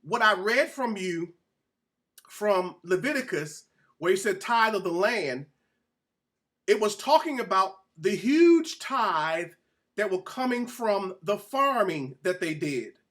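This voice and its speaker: This man's voice sits high and sounds expressive and fairly bright, moving at a slow pace. Acting as presenter of an informal Bible-teaching sermon, he talks with emphasis, repeats himself, and questions his audience.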